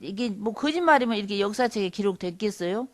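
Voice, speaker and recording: A woman's voice: mid-range voice, lively intonation, fast. A woman seminary lecturer teaching Bible history in a conversational way, with rhetorical asides.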